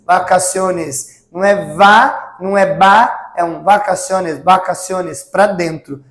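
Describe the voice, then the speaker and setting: A high-voiced Spanish teacher gives a recorded online language lesson in an echoey room, slow and patient. He repeats each example word slowly, speaking those examples into a close mic, and tags his lines with "tá?".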